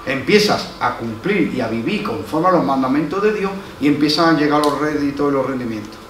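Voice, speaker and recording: A pastor with an Andalusian Spanish accent preaches a sermon in a church hall, telling a story, acting out its voices, and repeating key lines for emphasis. His medium-pitched voice is animated, brisk and a bit bright over soft background music, recorded roomy and from far off with faint noise.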